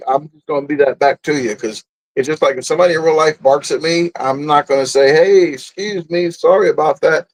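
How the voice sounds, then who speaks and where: A man who creates food and camping content appears as a guest in a casual interview, telling stories in a slightly high voice on a rough recording. He is blunt and boastful, often laughing at himself.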